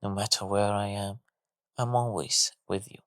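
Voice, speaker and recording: A man's voice: lowish voice, steady tone, normal speed, dry recording, studio quality, lightly acted. A man voicing a grieving father whose voice cracks with emotion, speaking tenderly. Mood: heartbroken. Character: grieving, loving father on the run.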